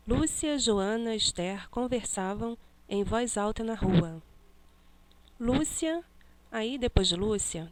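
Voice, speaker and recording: A woman teacher slowly correcting a classroom exercise, stressing each punctuation mark she names. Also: mid-range voice.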